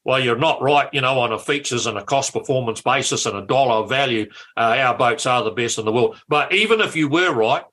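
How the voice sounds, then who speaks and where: A man's voice: mid-range voice, sharp tone. A man putting on the voice of a pushy military admiral who talks like a salesman, with an Australian accent.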